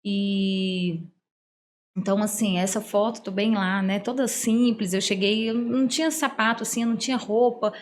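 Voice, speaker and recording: A woman's voice: medium pitch, steady tone, moderate pace, a little hiss or hum. A middle-aged woman, a psychologist telling her life story in an interview, heartfelt and earnest. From Brazil, Minas Gerais. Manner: earnest, heartfelt, acts out quoted dialogue. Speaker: guest psychologist. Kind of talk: personal storytelling in a podcast interview.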